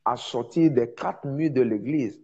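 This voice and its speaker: A man preaching in French with a foreign accent, a non-native speaker teaching informally on evangelism, with emphatic repetition and halting searches for words. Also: mid-range voice, a little mellow, slightly rough, lo-fi sound. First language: not French, speaks it as a second language. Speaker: preacher, prophet.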